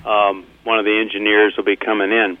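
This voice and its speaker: A male radio host talking casually with easygoing, halting speech, heard over a muffled, echoing remote line that sounds like he is in a tunnel. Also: lowish voice, little pitch movement. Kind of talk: casual on-air chat. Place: remote broadcast from a fundraising event.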